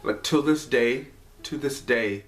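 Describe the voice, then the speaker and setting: A man's voice: medium pitch, slow pace. Candid young man, echoey apartment. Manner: casual, heartfelt, fills talk with "like" and "you know". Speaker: vlogger. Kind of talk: candid personal storytelling to camera. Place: his apartment, indoors. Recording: echoey room, faint music behind.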